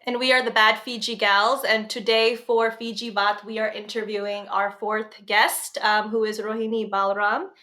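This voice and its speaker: A woman's voice: mid-range voice, level tone, normal speed, few pauses, sharp tone. A woman with an Indo-Fijian accent hosting an interview podcast, introducing it and its guest. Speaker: podcast host.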